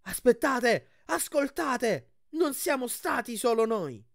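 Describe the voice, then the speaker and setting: A man voicing a fierce, commanding teenage girl who shouts to be heard over a crowd, in an audiobook reading. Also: very high-pitched, big pitch swings, takes it slowly, gravelly, no echo, studio quality, voice pushed up, full character voice. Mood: urgent, shouting.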